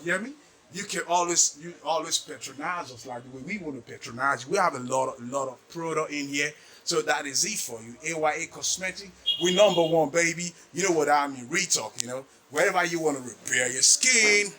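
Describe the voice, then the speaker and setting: A man from Nigeria selling cosmetics, showing off his stock in a stockroom with hyped, slangy salesman patter. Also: fairly high pitch. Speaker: cosmetics seller. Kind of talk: product showcase video. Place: indoor stockroom full of products.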